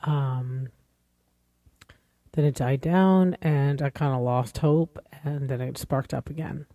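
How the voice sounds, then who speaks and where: In a loose, rambling podcast monologue, a host in her forties speaks straight into the mic, earnest and conversational. Her voice is warm and mellow, rumbling low and slow. The sound is dry, without any room echo.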